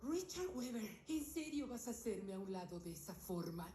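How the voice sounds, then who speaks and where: A woman's voice: a little high, very animated, normal speed, dark tone, a little hiss or hum. An actress voicing a woman who pleads with a colleague in a dubbed drama clip, apologetic. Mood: pleading. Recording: echoey clip, faint ambience.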